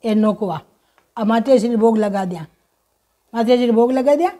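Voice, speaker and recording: A woman with a Rajasthani accent explaining a home ritual in a folksy, motherly way, chanting mantras slowly in a sing-song voice. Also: a little high, warm tone. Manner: folksy, motherly, addresses viewers as children. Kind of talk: instructional talk with mantra chanting.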